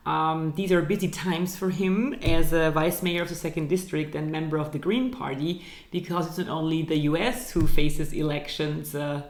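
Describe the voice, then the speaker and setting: A woman's voice: sits low, darkish tone. Woman interviewer, friendly and careful, roomy echoey office sound. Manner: friendly, careful, with fillers and restarts. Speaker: program director, interviewer. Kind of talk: interview hosting. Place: university office.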